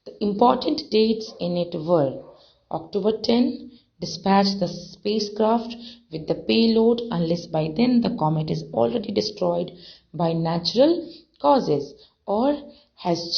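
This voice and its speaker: A woman teaching an English textbook lesson, reading passages aloud and explaining words slowly, with many fillers and repetitions. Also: medium pitch, expressive, creaky. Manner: slow, repeats and defines words, many fillers. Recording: dull lo-fi recording.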